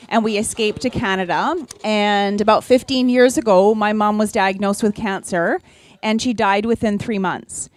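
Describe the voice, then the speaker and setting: A woman's voice: a little high, no room sound. A middle-aged woman from the Czech Republic giving a casual talk to a small audience, chatty, with many ums, and asking the listeners questions.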